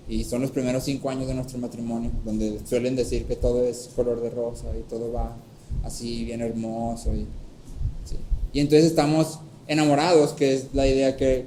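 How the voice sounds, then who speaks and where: A man preaching a sermon, teaching step by step and often checking in with a quick "¿sí?", and acting out a story with lively voices. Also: medium pitch, slight background noise, poor audio. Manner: checks in with frequent "¿sí?". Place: church hall.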